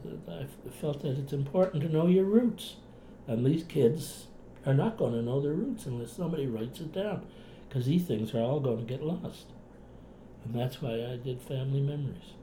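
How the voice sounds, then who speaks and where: An elderly man reminisces in a relaxed Cape Breton accent, talkative and folksy. His voice is mellow and soft-edged. He is recorded in a roomy, echoing space at home with faint noise behind him. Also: medium pitch. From Cape Breton, Canada. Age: older, past retirement. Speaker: interviewee, retired clinician and writer. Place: indoors in a home.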